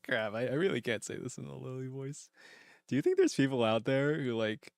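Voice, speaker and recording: A man streaming live, joking around and quick to laugh at himself, chatting casually about voice training. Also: mid-range voice, big pitch swings, gravelly, no room sound, clean studio sound.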